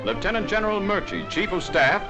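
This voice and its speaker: A man reading scripted narration for an old newsreel in a brisk, formal announcing manner. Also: high voice, sing-song. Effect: old newsreel sound. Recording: dull lo-fi 1940s newsreel soundtrack with music.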